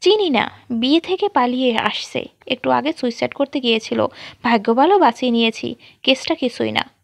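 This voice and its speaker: A woman's voice: on the high side, expressive, normal speed, creaky, no echo. A woman voicing a stern, irritated young man who answers curtly and scolds. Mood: flat. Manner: curt and scolding.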